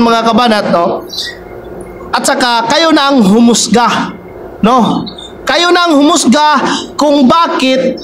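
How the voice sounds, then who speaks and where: High-voiced man with a lilt. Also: noisy background. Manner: keeps addressing viewers, tags lines with a questioning "no?". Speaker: vlogger, political commentator. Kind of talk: casual commentary to viewers.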